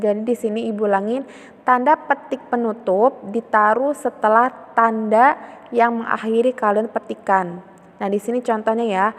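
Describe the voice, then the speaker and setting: Patient woman teacher, fairly high voice, long reverb around her, lesson delivery. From Indonesia. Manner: patient, repeats points with tag question "ya". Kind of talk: classroom lesson explanation.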